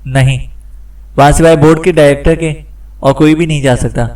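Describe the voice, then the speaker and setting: Brief: narrator doing a scared male gangster, halting and stuttering, set back from the mic. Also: fairly high pitch, fairly even intonation, darkish tone, recorded from a distance, close to an everyday voice. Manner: stammering, hesitant. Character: frightened captured male gang section chief.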